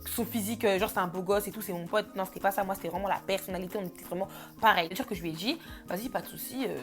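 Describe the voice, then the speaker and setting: A woman's voice: mid-range voice, very fast, soft background music. A young woman vlogger telling a story in a casual, chatty, slangy way, full of fillers.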